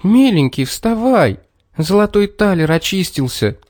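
A man voicing an earnest, tender young girl in a high eager voice. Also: normal speed, a little mellow, close to an everyday voice. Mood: pleading.

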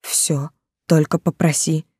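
Brooding possessive man, read by a woman, low insistent pleading, mellow dark tone, audiobook. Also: flat delivery, slow pace, breathy edge, dry recording, clean studio sound, full character voice. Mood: urgent.

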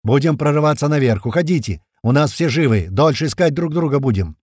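A man's voice: a little high, expressive, a little fast, no echo, studio quality, pitched above the performer's own voice. A man voicing a tough male squad leader who barks orders at his men. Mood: shouting orders. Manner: shouting commands.

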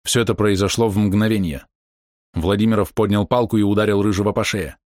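A man reading an audiobook narration in a steady, even manner. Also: fairly low pitch, brisk, no echo, clean studio sound.

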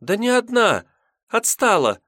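A man's voice: high-pitched, very animated, measured pace, a bit bright, no echo, studio quality, pitched above the performer's own voice, heavily acted. Man voicing a timid young peasant girl. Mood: rueful. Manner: fearful, pleading. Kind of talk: audiobook character voice.

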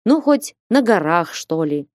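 A woman voicing a blustering, hot-tempered old male merchant in an audiobook, scolding and shouting. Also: fairly low pitch, sing-song, unhurried, dry recording, studio quality. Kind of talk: audiobook reading.

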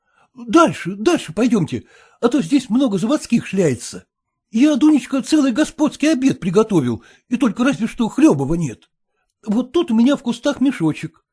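A man's voice: very high-pitched, sing-song, moderate pace, a little mellow, husky, heavily acted. A man reading aloud, voicing an earnest, jealous and self-satisfied male suitor who pleads fervently.

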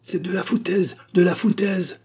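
A man's voice: fairly low pitch, moderate pace, warm tone, slightly rough. A man voicing a sour, self-righteous elderly spinster who hectors and accuses. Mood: accusing.

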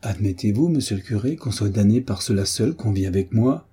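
A man's voice: fairly low pitch, expressive, a little fast, warm tone, breathy edge. A man voicing a young woman schoolteacher who pleads earnestly, reading her lines in an audiobook.

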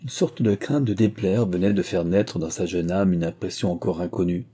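A man narrating a classic novel aloud in calm, even storytelling. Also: sits low, moderate pace, breathy edge. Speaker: audiobook reader.

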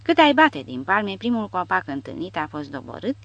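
A woman reads an audiobook aloud in an expressive, varied way. Her voice sits low but moves a lot in pitch, and the close recording is dry with no room sound. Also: no room sound, muffled recording. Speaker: audiobook narrator. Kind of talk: scripted narration.

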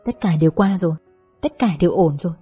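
Gentle doting mom, a woman voicing her, soft and soothing, breathy and mellow. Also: on the low side, quick pace, soft background music. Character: tender, doting middle-aged mother.

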